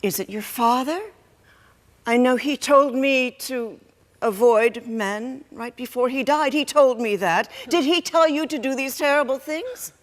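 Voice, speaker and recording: A woman's voice: high voice, a little slow, big-room sound. A woman playing a fretful, easily shocked mother who pleads and repeats herself in a stage play. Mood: frantic. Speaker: actor.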